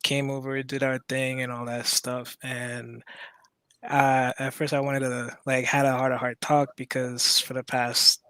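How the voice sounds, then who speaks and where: A man from Maryland calling in to tell a personal story, halting and full of restarts. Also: mid-range voice, little pitch movement, fairly bright tone, clean tone, no echo. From Maryland, USA. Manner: hesitant, halting, many restarts. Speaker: caller.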